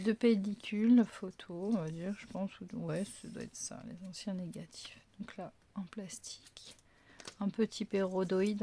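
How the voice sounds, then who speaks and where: A woman's voice: medium pitch, darkish tone, a little hiss or hum. A woman hosting a casual craft unboxing video, thinking aloud with lots of fillers and apologetic self-corrections.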